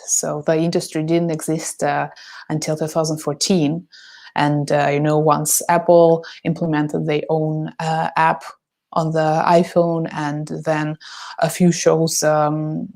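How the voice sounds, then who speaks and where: Low, mellow-voiced woman full of fillers. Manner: halting, many fillers and restarts. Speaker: podcast app business developer. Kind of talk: interview answers.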